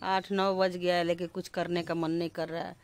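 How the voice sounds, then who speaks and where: A woman vlogger, chatting to viewers and coaxing a puppy in soft baby talk, with sudden sharp scolding calls. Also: on the low side, flat delivery, normal speed. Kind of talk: casual home vlog.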